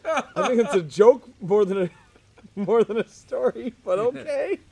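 A man's voice: extremely high pitch, animated, a little slow, gravelly, warm tone, no room sound. A man hosting a casual podcast outdoors, joking and swearing through crude banter with friends. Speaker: podcast host. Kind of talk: casual chat.

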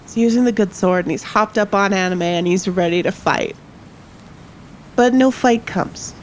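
A woman's voice: mid-range voice, normal speed, slight background noise. A woman narrating a tabletop role-playing game as game master, with dramatic, descriptive storytelling.

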